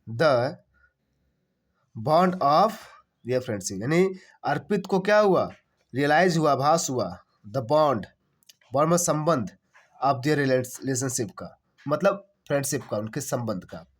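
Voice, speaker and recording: A man's voice: medium pitch, expressive, slow pace, long pauses. A man teaching English translation. He asks questions and answers them himself, spells words out letter by letter and repeats each phrase. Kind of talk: translation lesson.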